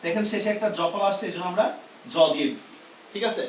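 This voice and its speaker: A male grammar teacher teaches a live class, checking often that his students follow. His voice sits high for a man. He sounds set back from the mic in an echoey room with faint background noise. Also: fast talker, recorded from a distance. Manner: explains step by step, often asking "do you understand?". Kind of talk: live online lesson.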